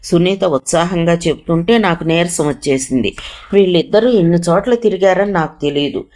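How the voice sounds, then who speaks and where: A woman's voice: fairly low pitch, a little mellow. A woman narrating a first-person story as a storyteller, briefly acting out the quoted lines of its characters.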